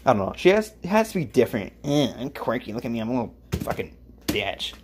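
A man's voice: mid-range voice, very animated, fast talker, a little hiss or hum. Mumbling, swearing young man. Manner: crude, swearing, mumbling, offhand. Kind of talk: rambling casual vlog while cooking. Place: home kitchen, indoors. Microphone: phone camera held and moved around.

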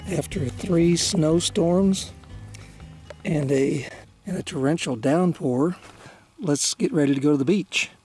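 An older man hosts a fishing video from a small boat on a lake, chatting folksily to the camera and to the fish he lands. His voice is on the high side, slow, a little mellow and husky. The boat-mounted camera picks up faint outdoor noise and soft background music.

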